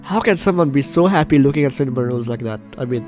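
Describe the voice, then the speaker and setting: The gaming host here talks fast with lively intonation in a mid-range, slightly mellow voice. He reads the on-screen story during a game walkthrough and reacts exclamatorily, game music sounding behind him.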